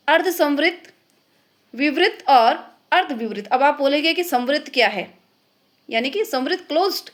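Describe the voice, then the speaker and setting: Woman teacher with a high voice, explains step by step, keeps checking "okay?", throws in bits. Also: fairly bright tone. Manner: explains step by step, keeps asking "ठीक है?", drops in English phrases. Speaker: Hindi grammar teacher. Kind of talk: classroom-style online lesson.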